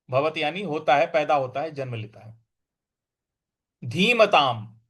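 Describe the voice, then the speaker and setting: Slow, high-voiced man teaching scripture. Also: a bit bright. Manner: slow, deliberate, repeats each word and chants verses. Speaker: Gita teacher. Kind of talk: verse recitation and explanation lesson.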